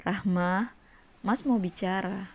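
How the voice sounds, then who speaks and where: A woman's voice: medium pitch, slow pace. A woman reading a firm, restrained husband. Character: calm, firm adult husband. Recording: dull lo-fi audio.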